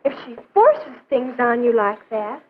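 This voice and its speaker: An old phone-like soundtrack with faint noise carries a practical teenage girl. Her high voice gives helpful, direct advice in 1950s educational-film style. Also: big pitch swings, unhurried.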